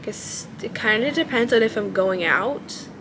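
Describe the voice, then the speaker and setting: With a fairly high, childlike and baby-ish voice, a young woman vlogger speaks unhurriedly to the camera at home. She works through her thoughts aloud, relaxed and hesitant, dropping in lots of ums, over some background noise.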